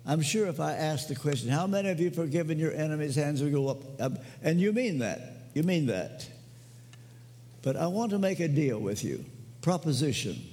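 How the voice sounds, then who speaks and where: An older man preaching a sermon in a slow, emphatic way with dramatic pauses. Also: on the high side, lively intonation, mellow, long reverb tail. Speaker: pastor.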